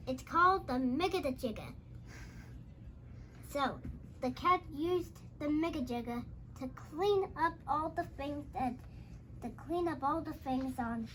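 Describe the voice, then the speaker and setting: A young child with a high, slightly bright voice reads a storybook aloud as a young host, going slowly and haltingly. Phrases are repeated and restarted, and the dialogue lines are called out. Faint noise sits behind the voice.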